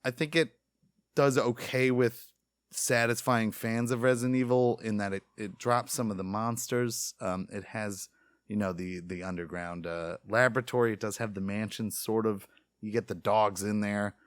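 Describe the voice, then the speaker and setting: A podcast host leads a casual chat in a fairly low, fairly even voice at a moderate pace. He rambles and offers plenty of opinions, and the clean studio recording has no room sound.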